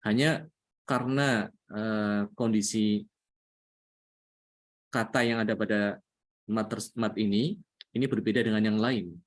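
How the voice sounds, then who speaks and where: A man's voice: lowish voice, fairly even intonation, unhurried, pauses often. A man with an Indonesian accent teaching a Quran recitation lesson, patiently repeating each point and often adding "ya". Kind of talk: religious lesson.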